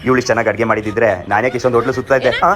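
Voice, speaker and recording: A man's voice: medium pitch, rapid-fire. A man performing a comic sketch with playful, teasing banter. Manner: lively, teasing banter with a partner. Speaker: comedy sketch actor. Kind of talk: casual comic sketch dialogue. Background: loud background music.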